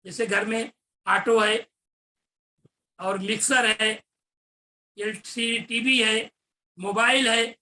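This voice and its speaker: A man's voice: sits high, fairly even intonation, slow pace, pauses often, bright, forceful tone, a little hiss or hum. A man who is a teacher gives a motivational business talk in an eastern Uttar Pradesh Hindi accent, explaining earnestly and repeating phrases for emphasis. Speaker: teacher and network marketer.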